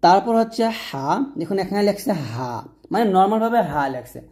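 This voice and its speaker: A woman with a Bangladeshi Bengali accent teaching Arabic letter pronunciation, patiently repeating each sound slowly. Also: mid-range voice, sing-song, dark tone. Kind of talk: explaining letter by letter.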